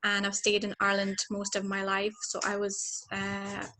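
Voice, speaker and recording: A Romanian woman in her twenties, a panel speaker on a video call, earnestly tells her personal story with many fillers and restarts. Her mid-range voice is bright and forceful yet completely flat, at a moderate pace, and the rough recording carries clear background noise, with a baby at home.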